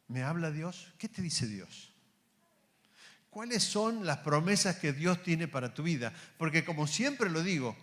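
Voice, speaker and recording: An Argentine man preaching in a church, his voice sitting a little high. He calls his listeners brothers and presses them with rhetorical questions. When he quotes God he drops to a soft, slow voice. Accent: Argentine Spanish. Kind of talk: sermon.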